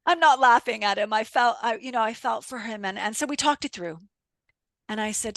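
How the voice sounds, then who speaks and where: A middle-aged woman coach talks at an unhurried pace, her voice carrying some fry. She poses reflective questions to listeners and recounts stories from coaching sessions, recorded close and dry. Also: medium pitch, a bit bright, no echo. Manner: reflective, rhetorical questions, retells client stories. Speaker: communication coach. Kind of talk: podcast talk with listeners.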